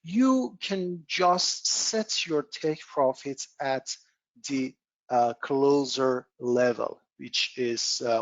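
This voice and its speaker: Man presenter, unhurried, lots of "uh", dry lo-fi mic. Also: medium pitch, no room sound. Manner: frequent "uh" fillers, rhetorical questions. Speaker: trading webinar presenter. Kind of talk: webinar lesson, partly read script.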